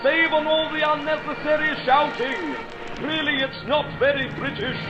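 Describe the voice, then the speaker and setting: Guy doing a pompous posh old-school pilot, squeaky high, muffled audio with loud music behind. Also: fairly even intonation, moderate pace. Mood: blustering. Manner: plummy, pompous upper-class bluster. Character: posh blustering British WWI fighter pilot, male.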